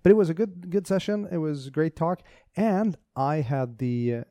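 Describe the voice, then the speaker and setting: A man's voice: on the high side, expressive, normal speed, warm tone, no echo. A man co-hosting a casual tech podcast, talking with enthusiasm and frequent restarts. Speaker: podcast co-host.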